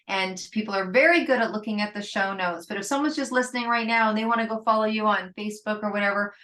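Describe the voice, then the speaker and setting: A woman's voice: mid-range voice, pushed and bright. A woman hosting a podcast, enthusiastic and affirming as she reacts to her guest and addresses listeners. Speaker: podcast host. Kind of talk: podcast interview.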